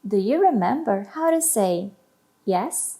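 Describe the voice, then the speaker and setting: A woman with a Brazilian accent teaching a language lesson, repeating each word slowly and carefully for learners. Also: medium pitch, animated, creaky, echoey room, noisy background. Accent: Brazilian Portuguese. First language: Portuguese. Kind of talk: slow, clear language lesson.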